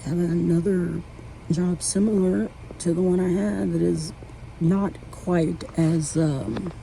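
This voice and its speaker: A woman in her late forties talking at home from her bed in a halting, rambling vlog monologue full of restarts. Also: lowish voice, steady tone, vocal fry, warm tone, a little hiss or hum, rough recording. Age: 40s. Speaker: vlogger.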